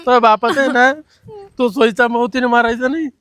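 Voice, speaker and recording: A young village lover with a rural Marathi accent, played by a young man, emphatic and quick to flare at the girl's father. His voice runs fairly high, sounding dry and close. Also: flat delivery, a bit bright, no room sound. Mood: angry. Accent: rural Maharashtra Marathi. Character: heartbroken young village lover, hot-tempered. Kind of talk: rural comedy sketch acting.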